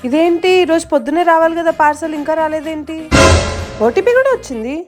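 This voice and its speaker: High shrill woman in a comedy skit, fed up and scolding, quick, loud music behind. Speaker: comedy sketch performer.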